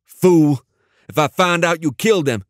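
A man's voice: medium pitch, animated, moderate pace, dry recording, studio quality, pitched above the performer's own voice, close to an everyday voice. A male narrator voicing a hostile, swearing male gang boss on a phone call. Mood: angry.

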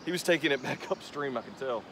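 His pitch is medium and his delivery animated as the young man hosts his fishing vlog, casually describing his technique while casting from a riverbank. The rushing current makes the background noisy on the outdoor tripod-camera recording, which is taken from a distance.

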